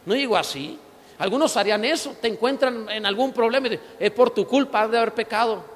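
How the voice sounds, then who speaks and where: A male pastor preaching a passionate sermon, swinging between shouted declarations and quiet storytelling. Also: very high voice, quick pace. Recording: reverberant church hall.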